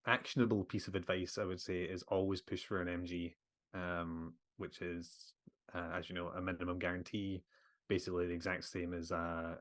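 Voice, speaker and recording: A man being interviewed as a film director, giving measured advice with frequent fillers. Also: sits low, fairly bright tone, no echo. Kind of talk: casual interview conversation.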